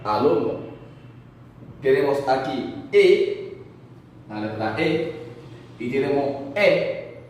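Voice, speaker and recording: A man's voice: medium pitch, lively intonation, slow, pauses often, darkish tone, heavy reverb, long reverb tail, far from the mic, a little hiss or hum, rough recording. A man teaching a language lesson, patiently saying words and asking the learner to repeat after him.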